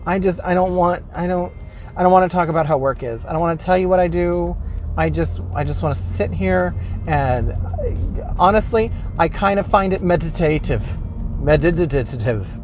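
A man's voice: sits high, moderate pace, over music. A man hosting his own vlog, complaining in a rambling, self-mocking way with many restarts while driving his car. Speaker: vlog host. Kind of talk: casual comedic rant.

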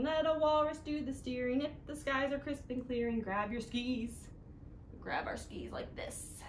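A young adult woman, a children's librarian, runs a kids' picture-book storytime in a highish voice, encouraging participation and slipping partly into sing-song. She's seated on a couch in a small indoor room, and the camera a few feet away captures roomy echo with some background noise.

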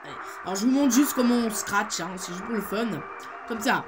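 A teenage boy hosts a gaming video, rambling playfully through his commentary with lots of hesitations as game music plays. His voice sits high and runs a little fast over a noisy background.

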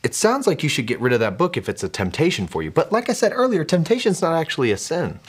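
A man's voice: on the high side, huge pitch swings, fast talker, slightly rough. A man hosting a children's show, upbeat and explaining things in scripted dialogue. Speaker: kids' show host.

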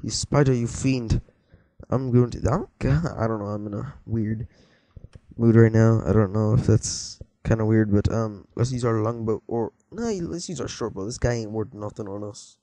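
This teen gamer's voice is fairly low and mellow, moving at normal speed through casual, rambling let's-play talk. He gets startled easily and jokes with viewers, heard in a dry recording.

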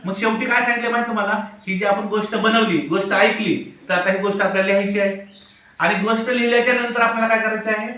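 A man's voice: high voice, fairly even intonation, fast talker, sharp tone. A man teaching a classroom of children, asking them questions and prompting answers. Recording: very echoey room, voice from far off.

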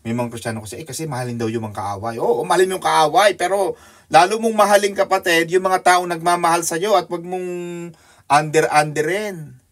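A man with a Filipino accent preaching a sermon in an animated, teasing way that leaps up in pitch for emphasis. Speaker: pastor. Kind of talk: sermon teaching.

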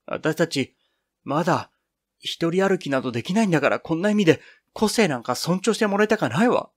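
A man's voice: medium pitch, expressive, normal speed, a bit bright, husky, no room sound, studio quality. A man reading the part of Toku, a young woman student speaking with impassioned bitterness in a storybook reading. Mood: agitated, bitter. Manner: impassioned, lamenting.

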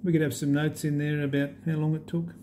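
A man walking through an app demo in a relaxed, halting way with many fillers. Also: a little high, a little hiss or hum. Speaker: app demonstrator. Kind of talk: unscripted screen demo walkthrough.

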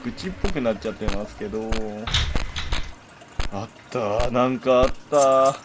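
A man's voice: mid-range voice, normal speed, background noise. A man commentating a horror game, jumpy and chatty, bickering with the game. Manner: jumpy, talks back at the game with jokes and complaints.

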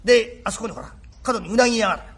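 Man playing a rough remorseful working father. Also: sits high, racing, a bit bright. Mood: apologetic. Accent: Tokyo shitamachi (Edo). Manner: rough, apologetic, gruff tenderness. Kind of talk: rakugo storytelling.

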